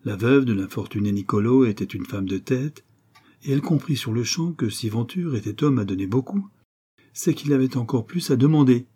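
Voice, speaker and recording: A man narrating a classic French novel in a steady, measured storytelling manner. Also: mid-range voice, husky. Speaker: audiobook narrator. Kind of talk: scripted narration.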